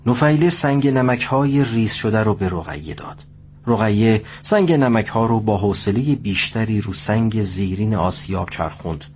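A man narrating a scripted story at a steady pace. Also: fairly low pitch, slight background noise.

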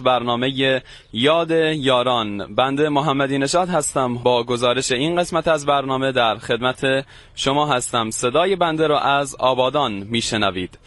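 Man, radio reporter, formal interview, courteous, mid pitch. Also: a bit bright. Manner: polite, courteous, formal greetings.

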